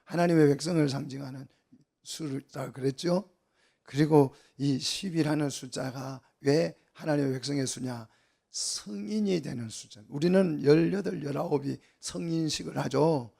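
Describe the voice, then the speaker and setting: A man's voice: fairly high pitch, moderate pace, vocal fry, dark tone. A middle-aged man preaching an expository sermon as pastor, often asking the congregation questions and answering them himself.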